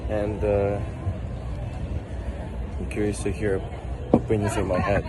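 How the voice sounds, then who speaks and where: A man from Russia, slightly hoarse and tired, talking casually to camera as he walks outdoors through busy streets. He is upbeat and rambling, and he swears casually. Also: on the low side, little pitch movement, unhurried, over a noisy crowd, heavy background noise. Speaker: vlogger. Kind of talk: casual walk-and-talk vlog.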